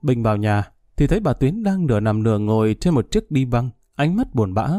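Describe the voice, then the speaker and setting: A man narrating a story in a calm, steady storytelling voice, speeding up a little in the dialogue. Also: medium pitch, a little fast, dry recording, studio quality, soft background music. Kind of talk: audiobook narration.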